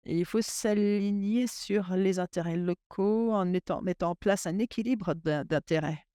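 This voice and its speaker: A man interpreting a webinar panel discussion into French in real time, halting and often restarting his sentences. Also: high-pitched, mellow, clean tone, no room sound, studio quality. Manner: halting, with frequent restarts and fillers. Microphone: remote webinar audio.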